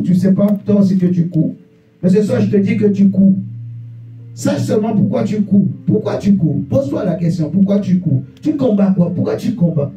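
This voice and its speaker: A man preaching a fervent sermon to a congregation, repeating rhetorical questions and bursting into shouts. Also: sits high. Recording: echoey church room, distant mic, faint guitar.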